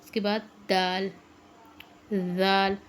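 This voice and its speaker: A woman's voice: mid-range voice, flat delivery, slight background noise. Patient woman teaching Arabic letters. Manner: patient, repeats letters slowly. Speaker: Quran teacher. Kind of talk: online lesson.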